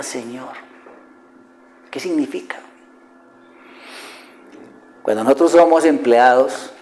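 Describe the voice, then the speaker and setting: A man's voice: mid-range voice, a little mellow, poor audio. A middle-aged man preaching with passion, posing rhetorical questions and dropping from a raised voice to a near-whisper. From Colombia. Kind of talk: sermon.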